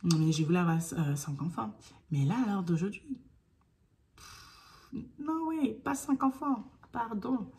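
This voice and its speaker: Speaking to camera at a measured pace with long pauses, a young woman vlogger with a mid-range voice shares a personal story in a casual way. Sometimes she sinks to a hushed near-whisper, and she acts out the pleas she made.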